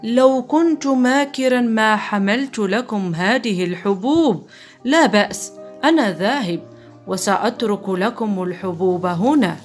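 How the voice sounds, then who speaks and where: A woman voicing a sly male fox in a children's story, speaking in a smooth, coaxing way. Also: mid-range voice, measured pace, faint music behind, close to an everyday voice.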